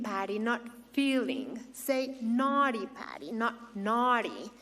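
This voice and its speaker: A middle-aged woman with a Mexican accent hosts an awards ceremony, giving a prepared speech with playful asides. Her voice is high-pitched and a bit bright, and the big hall adds a long reverb.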